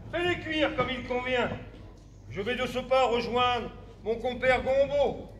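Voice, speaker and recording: Man acting a high-voiced, commanding medieval husband. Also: a little slow, a bit bright, echoey room, slight background noise. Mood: commanding, pleased. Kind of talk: open-air farce acting.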